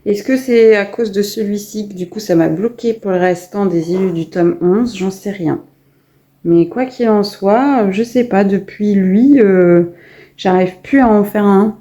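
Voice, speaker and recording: A woman's voice: medium pitch, unhurried, mellow. A woman casually showing her finished coloring pages in a vlog, chatty and full of hesitations and restarts. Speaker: coloring vlogger. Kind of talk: casual show-and-tell vlog.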